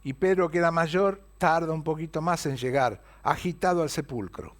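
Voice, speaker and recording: A man's voice: a little high, normal speed. A man with a Rioplatense Spanish accent preaching an Easter sermon, retelling a story and asking the congregation rhetorical questions. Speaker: pastor.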